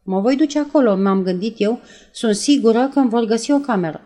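A woman reading aloud and voicing a nervous young woman who retells events in a breathless, halting way. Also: on the high side, mellow, natural voice. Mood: shaken. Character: nervous young woman, shaken after a shooting.

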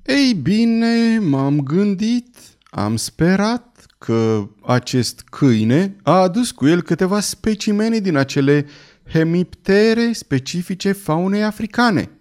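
A man's voice: high voice, big pitch swings, a little mellow, pitched above the performer's own voice. A man reading an audiobook, voicing a fussy, pedantic male entomologist who takes offense easily. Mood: earnest.

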